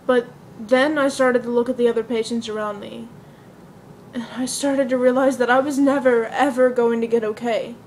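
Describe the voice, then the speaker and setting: A woman delivers a dramatic stage monologue as a bleak, depressed young woman, using a high-leaning, a little mellow voice that is earnest and confessional. The amateur recording is slightly noisy.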